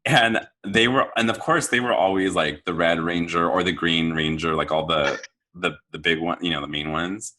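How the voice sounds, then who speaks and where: A man around thirty from Southern California rambles through a self-deprecating story in casual podcast talk. His voice sits very low yet sounds bright and forceful. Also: moderate pace. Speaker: podcast co-speaker.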